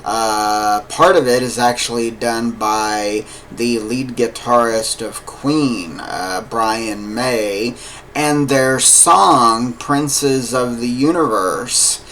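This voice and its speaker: Male vlogger, mid-pitched, slow-talking and earnest, filler-heavy home movie review. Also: fairly bright tone, a little hiss or hum, poor audio. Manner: unhurried, many fillers, earnest. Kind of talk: casual spoken film review.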